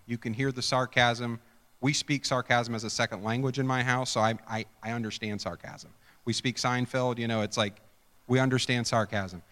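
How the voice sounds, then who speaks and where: Man preaching, conversational and chatty, stumbles and restarts, bright edgy voice, long hall reverb. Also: mid-range voice. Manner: chatty, self-interrupting, quizzes the congregation. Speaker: pastor. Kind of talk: conversational sermon.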